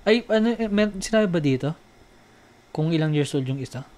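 A man with a Filipino accent chatting casually as a podcast co-host. He tells stories and reads them aloud, stumbling over words and often pausing to search for them. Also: fairly high pitch. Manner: relaxed and halting, reading stories aloud in stumbling English. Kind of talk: casual chat.

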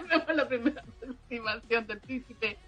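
A woman co-hosting a podcast in casual chat, agreeable and quick with quips, laughing along. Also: high voice, very noisy. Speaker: podcast co-host.

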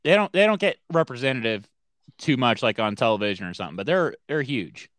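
A man's voice: mid-range voice, expressive, a bit bright, dry recording. A man co-hosting a podcast in casual chat, joking easily and hedging with lots of "like.". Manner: joking, quick to laugh, hedging with "like". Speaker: podcast co-host.

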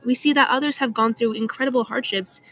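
A woman's voice: fairly high pitch, steady tone, fast, a bit bright, a little hiss or hum. A young woman hosting a scripted mock talk show in an upbeat, slightly stiff way. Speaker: host.

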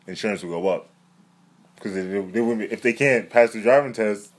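A man's voice: fairly low pitch, brisk. A young man in casual chat, slangy and profane, teasing his friend.

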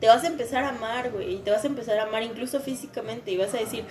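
A woman's voice: a little high, very fast. Slangy young Mexican woman, echoey room. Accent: Mexican Spanish. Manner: frank and slangy, swears freely. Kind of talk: casual podcast chat. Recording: echoey room with faint music.

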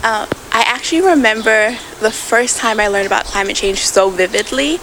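A woman's voice: fairly high pitch, normal speed, noisy background. A young woman from Samoa speaks earnestly and thoughtfully in a conversational interview. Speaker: interview guest, climate activist.

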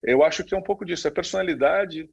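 A man's voice: a little high, very fast, gravelly, husky, highs cut off. A man co-hosting a casual talk, speaking with many fillers and restarts. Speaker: podcast co-host. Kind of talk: casual conversation on branding.

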